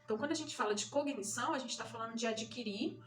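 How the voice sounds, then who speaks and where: Brazilian mom explaining terms patiently. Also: female voice, fairly high pitch, quick pace. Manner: didactic, repeats key points, checks in with "né?" and "tá?". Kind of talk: educational explainer to parents.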